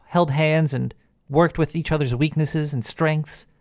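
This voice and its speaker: A man co-hosting a casual podcast, chiming in with deadpan jokes and banter. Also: on the high side, unhurried, no room sound, studio quality. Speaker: podcast co-host. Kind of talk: casual chat.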